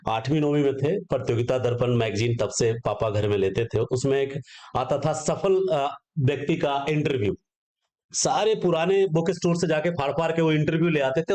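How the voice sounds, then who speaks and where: A man hosting an academy video, welcoming a successful exam candidate in an earnest, reflective way with frequent hesitant pauses. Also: a little high, a little mellow. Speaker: coaching academy teacher and host. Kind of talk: warm welcoming speech, reflective.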